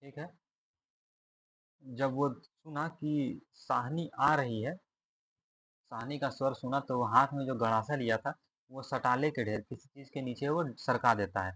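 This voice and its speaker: A man's voice: medium pitch, measured pace, pauses often, fairly bright tone, no echo. A man teaching Hindi literature for an exam, reading a story aloud, then asking questions about it and answering them himself. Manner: asks questions and answers them, repeats lines.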